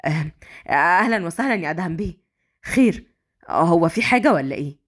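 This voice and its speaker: A woman's voice: fairly low pitch, animated, fast, pitched below the performer's own voice. A woman voicing a nervous university dean who placates and defers. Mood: placating. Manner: hesitant, soothing, deferential.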